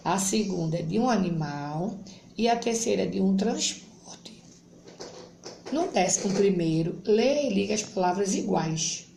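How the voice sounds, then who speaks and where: Brazilian woman teacher reading to small kids; slow, gravelly, spells out syllables in an echoey room. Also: medium pitch, darkish tone. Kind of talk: reading a literacy worksheet to young children. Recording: echoey room, faint background hum.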